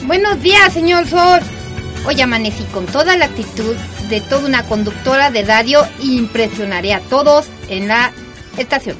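A woman's voice: a little high, normal speed, music in the background, natural voice. A woman playing a chirpy, determinedly positive radio presenter in a comic audio drama, over-cheerful and careful with her diction.

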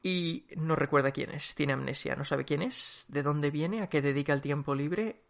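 Fussy, animated man with a Spain Spanish accent. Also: fairly high pitch, normal speed, creaky. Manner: animated and fussy, with many restarts and repetitions. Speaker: book reviewer. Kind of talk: casual spoken book review.

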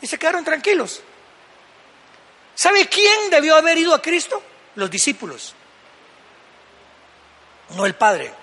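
A man's voice: extremely high pitch, sing-song, a little slow, pauses often, bright, forceful tone, in a large hall. An older man preaching a sermon as pastor, fervently acting out the voices he quotes. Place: church.

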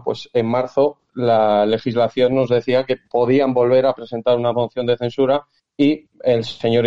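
Man talking over a muffled phone line. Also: mid-range voice. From Castile and León, Spain. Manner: measured, leans on fillers and restarts. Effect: heard over a telephone line. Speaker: political candidate being interviewed. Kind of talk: phone interview, political talk.

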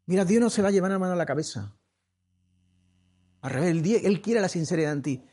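A pastor preaching a sermon, repeating key phrases and swinging between hushed and loud passages. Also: male voice, sits high, lively intonation, quick pace, slightly rough. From Spain. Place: church.

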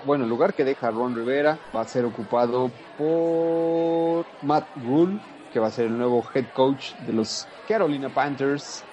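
A man's voice: medium pitch, darkish tone, lo-fi sound, slight background noise. A man with a Mexican accent hosting a casual sports podcast in a playful, teasing way.

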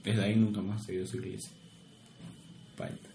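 Low-voiced dry young man, echoey room. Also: level tone, moderate pace, creaky, mellow. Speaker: podcast co-host. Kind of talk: casual podcast banter. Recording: echoey room with faint noise.

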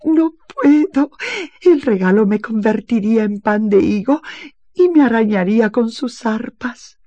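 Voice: lively intonation, mellow, no room sound, lo-fi sound. A storyteller voicing a frightened young maid who sobs as she speaks. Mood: sobbing. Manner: high sobbing, drawn-out words.

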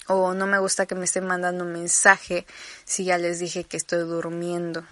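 Young woman, Mexican Spanish accent, casual podcast chat, rambling and playful, bright tone. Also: fairly low pitch, no echo. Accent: Mexican Spanish, Campeche. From Campeche, Mexico. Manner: chatty, rambling, laughs easily, playful asides. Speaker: podcast host.

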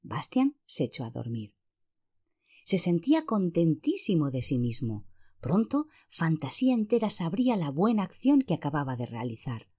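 Woman reading a fantasy book aloud, husky voice, lively, kinda muffled recording. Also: low-pitched, moderate pace. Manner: expressive storytelling. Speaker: narrator. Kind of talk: audiobook narration. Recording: dull lo-fi.

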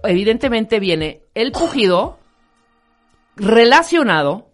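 A woman co-hosting a casual radio chat, emphatic and quick to object. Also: a little high, very animated, faint music behind. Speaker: radio co-host.

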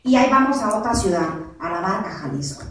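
A woman with a Mexican accent, a lay preacher giving an animated, joking retreat talk and telling stories straight to her audience. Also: medium pitch, quick pace. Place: large hall at a church center. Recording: echoey hall from far off.

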